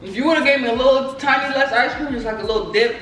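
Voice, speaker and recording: A woman's voice: high voice, fast. A woman in her twenties with an American accent, casually bantering and reacting to food, teasing and skeptical. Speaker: vlogger. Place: home kitchen, indoors. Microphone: camera across the counter. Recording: echoey kitchen, distant mic, music behind.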